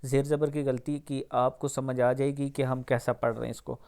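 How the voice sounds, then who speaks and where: A man with a Pakistani Urdu accent teaching the pronunciation of a prayer, drawing each word out slowly, then explaining quickly. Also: mid-range voice, little pitch movement, a little mellow, clean tone. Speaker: Quran recitation teacher. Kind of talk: pronunciation lesson.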